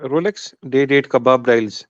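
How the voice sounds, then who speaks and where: A man's voice: medium pitch, normal speed, no room sound, muffled recording. A man taking part in a casual livestream as a guest, making brief, friendly remarks and asking short questions.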